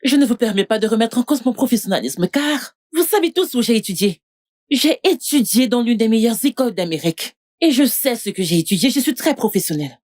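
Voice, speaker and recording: A haughty, defensive nurse stands her ground against the crowd. The voice sits fairly high and sounds insulted by every charge. She speaks with proud indignation. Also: animated, a little fast, a little mellow. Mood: indignant. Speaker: accused nurse. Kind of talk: French dub of a film.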